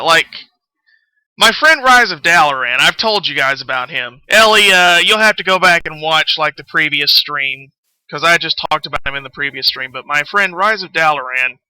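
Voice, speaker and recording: A young man with a Southern US accent tells a rambling story in a high, very bright voice. He swears freely, drifts off topic and has to find his way back. The tone is casual and chatty. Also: smooth, no echo, low-quality recording. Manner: rambling, profane, loses his thread. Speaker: streamer. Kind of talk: casual storytelling while gaming.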